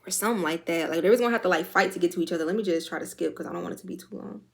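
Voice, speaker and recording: A woman's voice: on the low side, rapid-fire, creaky. A young adult woman giving a casual spiritual tarot reading, chatty and slangy, swearing freely and speaking straight to her viewers. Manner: chatty, slangy and profane, addresses viewers directly. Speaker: tarot reader.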